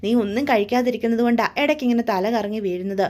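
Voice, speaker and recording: A woman voicing a caring young woman who gently coaxes a sick child to eat. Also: fairly high pitch, fast talker, lightly acted. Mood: gentle coaxing. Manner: gentle, coaxing.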